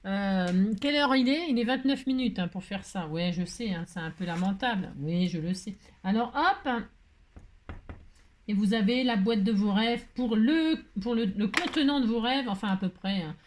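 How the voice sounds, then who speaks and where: A middle-aged woman hosting a chatty crafting tutorial, talking loudly and joking with her viewers as she works. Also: mid-range voice, normal speed. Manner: loud, playful, talks to viewers, jokes.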